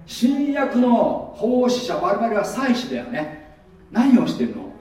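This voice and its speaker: A man's voice: extremely high pitch, huge pitch swings, takes it slowly, darkish tone. A man preaching a sermon as pastor in a conversational way, often asking the listeners rhetorical questions. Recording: very echoey room, voice from far off.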